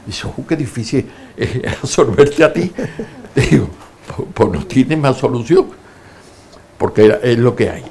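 A man's voice: medium pitch, a little slow, creaky. An older man in an interview, telling his life stories and acting out the voices of people in them. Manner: lively anecdotes, acting out quoted voices. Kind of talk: storytelling interview.

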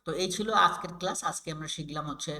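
A teacher from Bangladesh leads an online phonics lesson for primary teachers. The voice is bright and forward at an ordinary pitch. The delivery is patient and explanatory, breaking words into single sounds and repeating each example several times. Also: low-quality recording. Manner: drills sounds slowly, letter by letter, with repeated examples. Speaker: English reading teacher.

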